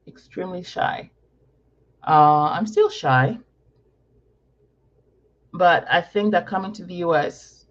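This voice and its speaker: Her voice comes through low-pitched and dull over the live-stream mic. She is in her thirties and from Morocco, answering viewers' questions in a relaxed live Q&A while thinking aloud, going back over points and correcting herself along the way.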